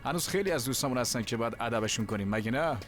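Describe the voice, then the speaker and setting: A man's voice: mid-range voice, expressive, a bit bright, soft background music, lightly acted. A male actor playing a loyal, street-smart criminal with a casual, slangy way of talking. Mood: menacing.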